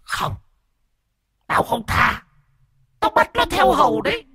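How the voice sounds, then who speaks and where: A shrieking possessing ghost. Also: male voice, very animated, slow, gravelly, sharp tone, full character voice. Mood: taunting. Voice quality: shrill, shrieking. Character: vengeful ghost possessing a young boy, shrill and menacing.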